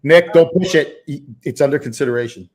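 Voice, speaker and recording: A man chatting on a casual livestream, enthusiastic and halting, often restarting his sentences. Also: a little high, crowd noise.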